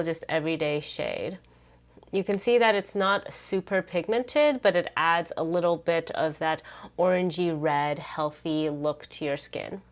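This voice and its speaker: A woman giving casual makeup try-on commentary to viewers in a chirpy, upbeat beauty vlogger manner. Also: lowish voice.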